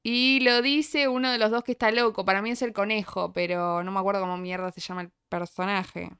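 A young woman with a Rioplatense Spanish accent, playing a film quiz in casual chat with a friend, giggly and animated. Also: medium pitch, smooth. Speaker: quiz player.

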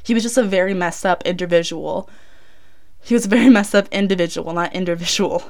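A woman's voice: fairly low pitch, fairly quick, darkish tone. A young woman recording inside a closet, telling a true crime story in a rambling, chatty way full of fillers and self-corrections. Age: young adult. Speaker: college student vlogger. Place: small clothes closet, recording indoors.

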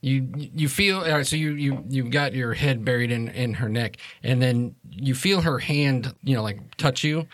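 A man's voice: medium pitch, normal speed, hardly any pauses, no echo, clean studio sound. Man narrating as game master. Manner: casual, with fillers as he narrates. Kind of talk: narrating a tabletop game and voicing characters.

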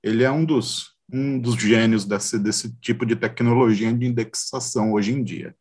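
A man's voice: medium pitch, steady tone, moderate pace, darkish tone, breathy edge. A Brazilian man hosting a podcast, explaining a story informally, often searching for words and adding tag questions. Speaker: podcast host.

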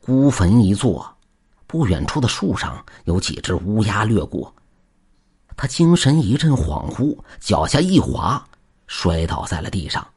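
A male storyteller reading a folk tale with a husky, low-pitched voice. His delivery is expressive, moving from quiet passages to lively ones with a pitch that swings widely. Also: measured pace. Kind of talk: scripted narration of a folk tale.

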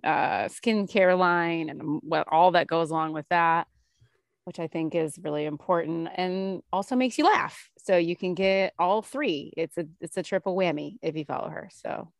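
A woman's voice: lowish voice, moderate pace, gravelly, no room sound, clean studio sound. A woman hosting a podcast in casual chat, playful and joking, laughing often. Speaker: podcast host.

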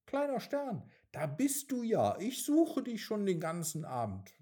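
A man voicing a kind, worried star-keeper in a bedtime story, speaking gently and murmuring. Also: high-pitched, huge pitch swings, unhurried, pitched above the performer's own voice, heavily acted. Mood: gentle. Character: kindly, worried old male star-keeper.

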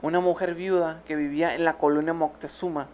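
A woman's voice: deep voice, fairly even intonation, brisk, a little mellow. Mexican woman narrating true crime. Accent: Mexican Spanish. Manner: reads the case with playful asides. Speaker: podcast co-host.

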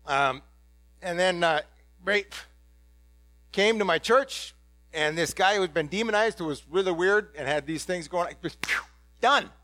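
A man speaking as the apostle Peter, a blunt, ordinary fisherman, telling his story to a church congregation in a rambling, halting, casual way full of restarts. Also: sits high, dry recording. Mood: chatty. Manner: excitable, blurting. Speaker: dramatic first-person preacher. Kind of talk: first-person biblical monologue to a congregation.

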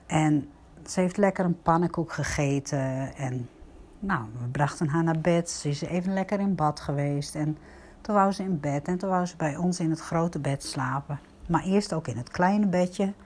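An older woman, a grandmother, gently telling viewers a personal story in a reflective, casual way. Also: sits low, moderate pace.

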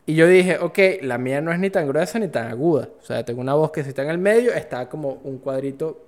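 A man's voice: a little high, quick pace. Slangy man chatting games. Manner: slangy, animated storytelling. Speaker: podcast co-host. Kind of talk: casual gaming chat.

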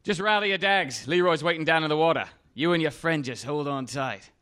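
A cheerful New Zealand daredevil in a comic adventure drama. He rattles off breezy slang cockily in a highish, bright voice with a New Zealand accent. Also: fairly quick. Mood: breezy, excited.

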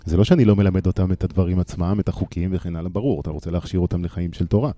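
Low dark-voiced man telling parables. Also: no echo. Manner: thoughtful storyteller, tells parables with pauses. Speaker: panel guest. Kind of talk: reflective panel discussion. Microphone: handheld microphone.

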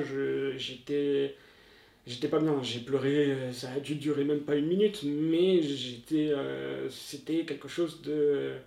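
A man in his thirties, a former salesman recounting a painful experience in a halting, emotional way, his voice swelling and dropping. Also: a little high, creaky, mellow. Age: 30s. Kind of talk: testimony to camera. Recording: echoey room, mic at a distance.

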